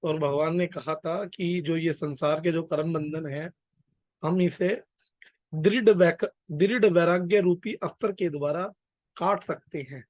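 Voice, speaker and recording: Man, scripture class leader, slightly high voice, dry close sound. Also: unhurried, a little mellow, no room sound. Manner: guides readers, corrects recitation.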